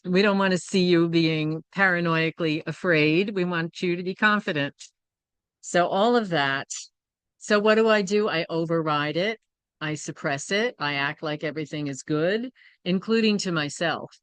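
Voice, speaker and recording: A woman's voice: fairly low pitch, normal speed, clean tone, no room sound. A woman presenting a workshop, speaking candidly and reflectively, often checking in with her listeners. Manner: candid and reflective, with frequent "right?" and "you know". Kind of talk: personal teaching talk.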